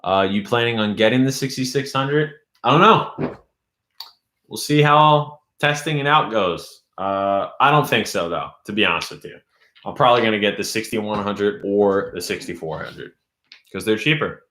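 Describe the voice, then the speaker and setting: Fairly low in pitch, expressive and sharp-toned, his voice moves at a moderate pace in a roomy-sounding space. He's a young YouTube host chatting loosely on a live stream, rambling and reading viewer comments aloud. He notes his voice is going, and he is indeed losing it.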